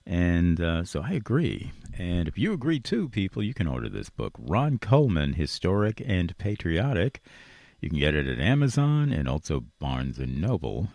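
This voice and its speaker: The host of a radio interview show, a man with a low and slightly mellow voice, chats earnestly and repeats himself for emphasis. His talk turns into a rambling, positive monologue, recorded with no echo.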